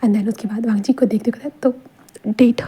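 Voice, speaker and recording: A woman's voice: a little high, fairly even intonation, fairly quick, warm tone, breathy edge. Whispering woman telling a love story. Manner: casual whispered narration mixing Hindi and English. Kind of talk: whispered role-play.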